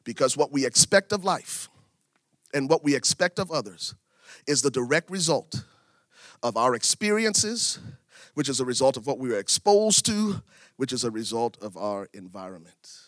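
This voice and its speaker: A man from Liberia, middle-aged, preaching a sermon, repeating key phrases for emphasis with big swings in pitch and loudness. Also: big pitch swings, moderate pace, no room sound. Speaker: pastor.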